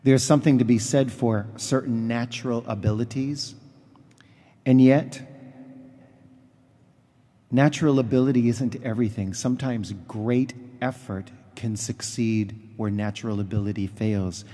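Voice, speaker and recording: A man preaching a homily as a priest, haltingly, pausing in mid-sentence, in a reverberant church. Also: mid-range voice, steady tone, dark tone.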